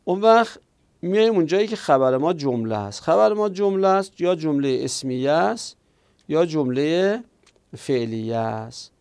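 A man's voice: on the high side, lively intonation, darkish tone, smooth, no room sound, studio quality. A man teaching a grammar lesson, explaining step by step and answering his own questions. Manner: explains step by step, slows on the quoted examples. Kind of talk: classroom grammar lecture.

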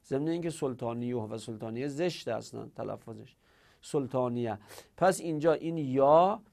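A man's voice: mid-range voice, vocal fry, darkish tone. Man explaining grammar in a lecture. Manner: explanatory, asks questions and answers them himself; repeats words slowly to demonstrate pronunciation. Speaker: teacher of Quranic recitation and Arabic grammar. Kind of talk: classroom lecture.

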